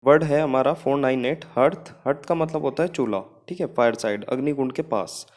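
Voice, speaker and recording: A man's voice: medium pitch, fairly quick, a little mellow. Indian man teaching vocabulary tricks. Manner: explains memory tricks, repeats phrases, frequent "theek hai". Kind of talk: exam-prep vocabulary lesson.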